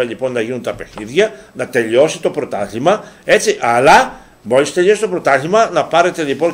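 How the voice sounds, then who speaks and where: A man hosting a local television sports talk show, ranting animatedly in casual commentary and firing rhetorical questions at his viewers. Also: fairly high pitch. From Greece. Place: local TV studio.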